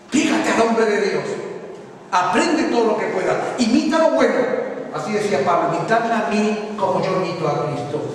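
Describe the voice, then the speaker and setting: Brief: emphatic male preacher, recorded from a distance in a reverberant hall with faint noise. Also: sits high. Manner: emphatic, repetitive preaching, addresses congregation as brother. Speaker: pastor. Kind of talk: sermon. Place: church hall. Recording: echoey church hall from far off.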